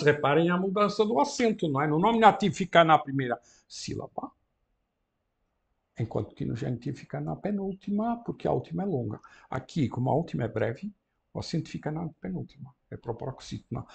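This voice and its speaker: A man with a Brazilian accent, teaching an introductory Greek class and slowly reading Greek phrases aloud. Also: fairly high pitch, vocal fry. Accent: Brazilian Portuguese. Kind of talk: university lecture.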